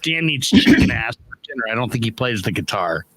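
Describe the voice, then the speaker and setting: A man's voice: medium pitch, big pitch swings, fairly quick, fairly bright tone, a little hiss or hum. Middle-aged guy host, jokey, reads the chat out, voice all over the place. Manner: wisecracking, reads chat comments aloud. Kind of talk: casual chat.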